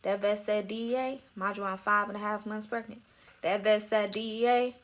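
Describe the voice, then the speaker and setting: A young woman telling a personal story in a candid, emotional way, full of swearing, sometimes dropping to a soft near-whisper. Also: medium pitch, fairly even intonation, normal speed.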